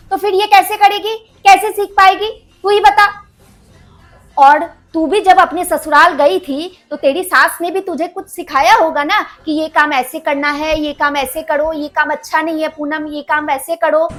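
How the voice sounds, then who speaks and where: A woman's voice: extremely high pitch, a bit bright. A woman playing a kind middle-aged mother-in-law who speaks firmly but affectionately in a family skit. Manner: firm but affectionate, lecturing.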